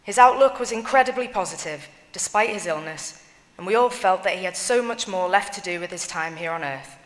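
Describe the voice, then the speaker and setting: Woman reader, solemn measured eulogy reading, medium pitch, long church echo. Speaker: reader of family tributes at a funeral. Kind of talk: reading written eulogies aloud.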